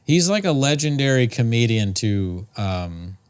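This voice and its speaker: A man's voice: mid-range voice, very animated, unhurried, clear, resonant tone. A young man hosting a casual podcast, talking in a rambling, jokey way. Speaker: podcast host.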